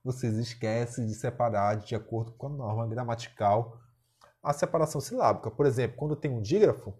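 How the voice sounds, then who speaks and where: Husky Brazilian male teacher. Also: mid-range voice, fairly quick, darkish tone. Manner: explanatory, checks in often with "né?" and "tá?". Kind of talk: recorded video lesson.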